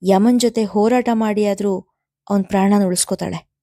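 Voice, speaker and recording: A woman reading the lines of an older, devout mother-in-law, firm and quiet. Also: mid-range voice, fairly even intonation, moderate pace, dry recording, natural voice. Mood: resolute.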